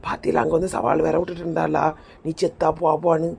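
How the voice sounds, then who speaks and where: Gravelly muttering woman. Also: low-pitched, flat delivery, fast talker, mellow, slight background noise, pitched below the performer's own voice. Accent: Kanyakumari Tamil.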